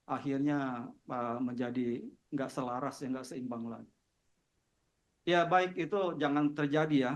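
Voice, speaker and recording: A male pastor speaking in a relaxed, folksy way, tagging his sentences with little "ya" fillers as he answers questions. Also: mid-range voice. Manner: folksy, chatty, with frequent "ya" tags. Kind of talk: casual church talk answering questions.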